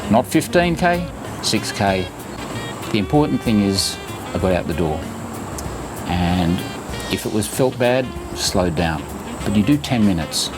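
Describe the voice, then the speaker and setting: A man's voice: sits low, animated, a little slow, over music. A man in his sixties talking casually to camera as a running vlogger, chatty, instructive and reassuring as he shares tips. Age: 60s.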